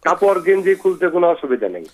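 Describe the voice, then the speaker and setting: A man in his forties from Bangladesh, calling in over the phone and describing his pain in halting, repetitive speech. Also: high-pitched, big pitch swings, darkish tone. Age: 40s. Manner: halting, repeats words. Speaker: caller. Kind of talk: phone-in question. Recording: tinny phone line.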